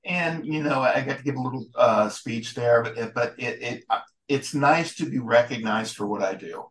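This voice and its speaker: A man being interviewed as a guest photographer and historian, talking casually in a rambling, halting way with many restarts. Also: medium pitch, low-quality recording.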